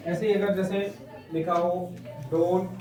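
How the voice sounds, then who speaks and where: High-voiced male teacher in an echoey classroom. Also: level tone, slow pace. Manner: explains step by step with frequent check-ins. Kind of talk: classroom grammar lesson. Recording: echoey room, mic at a distance.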